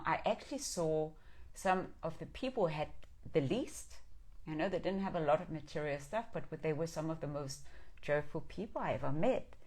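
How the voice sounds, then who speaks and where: Her voice sits low and a little mellow as this middle-aged woman from Denmark chats with viewers on her live stream. Earnest, affirming and reflective, she gives an inspirational talk while reading out and responding to their comments.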